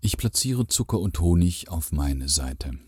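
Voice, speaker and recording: A man reads a first-person story aloud with a calm, measured delivery. His voice sits very low and sounds dark and mellow. The recording is dry and close, with no room sound. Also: breathy edge, no echo. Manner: calm, measured storytelling with lively quoted lines. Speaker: narrator. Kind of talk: literary reading, first person.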